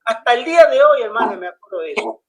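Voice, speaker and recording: A man's voice: very high-pitched, fast, crowd noise, low-quality recording. A man telling a personal story in casual conversation, acting out the other people's lines as he goes. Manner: animated, acts out the dialogue of others. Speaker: pastor.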